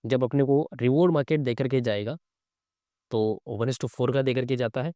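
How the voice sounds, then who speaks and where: Hosting a live trading lesson, a man with a slightly sore throat casually explains how to read charts, regularly checking in with short tag questions. His mid-range voice is warm and steady at a moderate pace, recorded cleanly in a studio with no echo.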